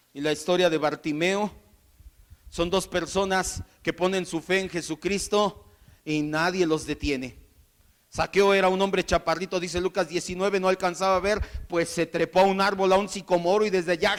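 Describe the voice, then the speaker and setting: A male pastor preaching a sermon, acting out the shouts and voices of the Bible figures. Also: high-pitched.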